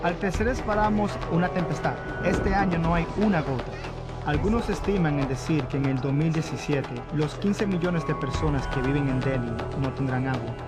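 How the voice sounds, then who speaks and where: A man's voice: on the high side, normal speed, over loud music. A man giving narrated testimony as a voice-over in a news report.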